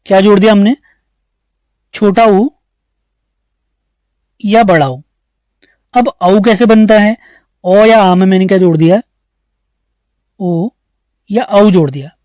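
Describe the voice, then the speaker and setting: A man's voice: high-pitched, darkish tone, dry recording, clean studio sound. A male teacher giving an online exam-prep grammar lesson, explaining step by step and asking the class questions that he answers himself. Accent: Uttarakhand Hindi.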